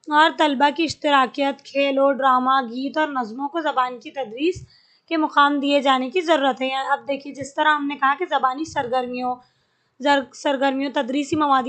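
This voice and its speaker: A woman with a high-pitched, fairly bright voice teaches an exam-prep lesson. She explains things step by step, repeats key terms, and mixes in English words.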